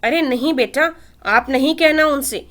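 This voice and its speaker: A woman's voice: high-pitched, a little slow, fairly bright tone, voice pushed up. A woman voicing a teasing young pilot. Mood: playful. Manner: teasing, affectionate. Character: playful young male air force pilot.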